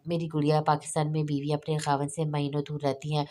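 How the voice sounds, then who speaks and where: A woman's voice: sits low, monotone, fast, dark tone, close to an everyday voice. Woman reading as a fond, teasing young husband.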